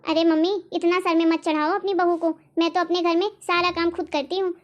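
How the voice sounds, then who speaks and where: A woman's voice: very high-pitched, level tone, brisk. A woman voicing a domineering, nagging adult sister-in-law in a cartoon, talking in a harsh, sarcastic, scolding way. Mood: complaining. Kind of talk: animated cartoon voice acting.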